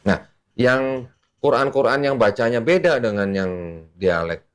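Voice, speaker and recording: A man's voice: medium pitch, expressive, a little slow. A man patiently explaining religious history in a casual chat, using everyday examples. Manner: patient, uses everyday examples, laughs often. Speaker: Islamic teacher explaining to a guest.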